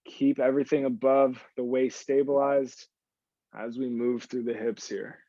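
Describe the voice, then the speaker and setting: Warm and level, a male instructor's mid-range voice comes slowly through a dry recording with the highs cut off. As he coaches a live workout class, exertion pulls audible sighing breaths from him while he cues moves and repeats short encouragement to the group.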